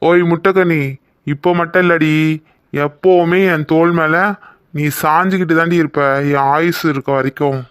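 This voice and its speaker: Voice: medium pitch, steady tone, normal speed, clear, resonant tone, no echo, clean studio sound, close to an everyday voice. A voice actor playing a young man in a cartoon who is protective of the woman he loves, teasing and possessive by turns. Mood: affectionate. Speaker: cartoon character. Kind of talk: Tamil cartoon voice acting.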